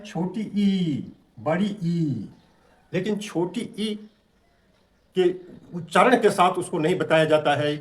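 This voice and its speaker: Slow, high-voiced male teacher. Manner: slow, drawn-out vowel demonstrations; patient, explanatory teaching tone. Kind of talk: Hindi grammar lesson.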